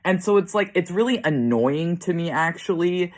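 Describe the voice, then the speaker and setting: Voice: medium pitch, animated, moderate pace. Blunt, profane ranting vlogger. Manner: frequent short laughs. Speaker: self-described demonologist vlogger. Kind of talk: casual rant to camera.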